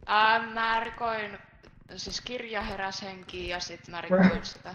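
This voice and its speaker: A woman's voice: mid-range voice, echoey room, a little hiss or hum. A young woman chatting animatedly while playing a horror game with friends. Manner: animated, quick to exclaim. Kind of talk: casual gaming chat with friends.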